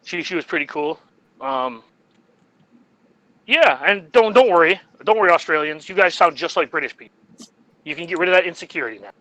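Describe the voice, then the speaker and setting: A man's voice: fairly high pitch, animated, fairly quick, long pauses, bright, forceful tone, dry recording, low-quality recording. A man co-hosting a podcast in casual chat, rambling and jokey. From United States. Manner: rambling and jokey, laughs at his own jokes. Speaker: podcast co-host.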